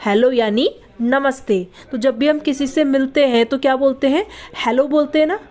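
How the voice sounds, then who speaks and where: Young woman, patient beginner-lesson teacher, slightly high voice, spells words slowly. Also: a little mellow. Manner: patient, spells words letter by letter, asks and answers own questions. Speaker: English teacher. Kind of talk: spoken language lesson.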